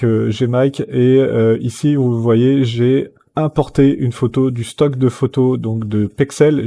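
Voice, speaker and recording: Relaxed man with a mellow voice. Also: mid-range voice. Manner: relaxed, many "euh" and "eh bien" fillers. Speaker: software tutorial host. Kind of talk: screen-recorded software tutorial.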